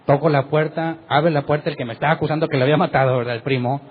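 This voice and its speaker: A man's voice: a little high, steady tone, very fast, husky, phone-quality sound. A middle-aged man gives a sermon as pastor, telling a personal story vividly and often tagging his sentences with a question. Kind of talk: sermon testimony.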